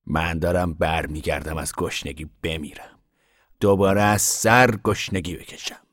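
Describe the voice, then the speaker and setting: A man voicing a bitter, ragged older drifter who talks slowly, quietly and slyly in an audiobook reading. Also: low voice, dry recording, studio quality. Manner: slow, quiet, drawn-out, sly.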